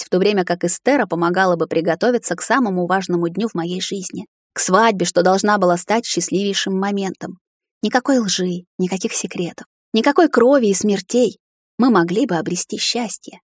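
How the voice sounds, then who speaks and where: A woman's voice: mid-range voice, no room sound, clean studio sound. Woman reading a dramatic fantasy audiobook. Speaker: audiobook narrator. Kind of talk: scripted first-person narration.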